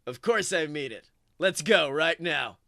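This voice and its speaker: Man as cocky, high-voiced cartoon hedgehog Sonic. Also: lively intonation, a little slow, vocal fry, bright, forceful tone, dry recording, studio quality, full character voice. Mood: flirty, eager. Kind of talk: comic fan fiction read-aloud.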